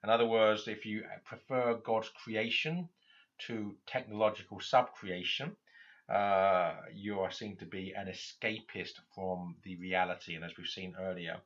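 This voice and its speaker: A man giving a literature lecture, halting often with fillers and restarts. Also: fairly low pitch, fairly even intonation, fairly bright tone, lo-fi sound.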